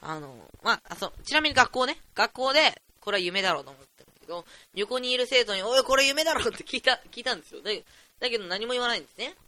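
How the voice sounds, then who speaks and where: A teenage boy of about fifteen hosting a solo podcast, rambling in an excitable, chatty, jokey way at a desk mic. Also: high voice, fast talker. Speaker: podcast host.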